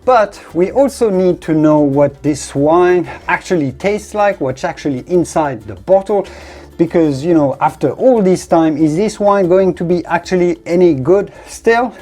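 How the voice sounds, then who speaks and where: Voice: medium pitch, a little slow, warm tone. A wine connoisseur presenting a tasting in an effusive, descriptive way, leaning on emphatic superlatives. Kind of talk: presenter-style product review and tasting commentary.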